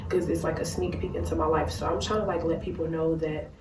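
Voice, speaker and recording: A woman's voice: low voice, fairly even intonation, fast. A tipsy woman chatting casually as a YouTuber answering questions, rambling in a goofy, giggly way. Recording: roomy echo, distant mic, faint noise.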